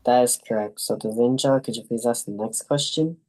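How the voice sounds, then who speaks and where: A man's voice: mid-range voice, a little fast, a little mellow, low-quality recording. A young man reading a prepared talk as a student presenter in a class.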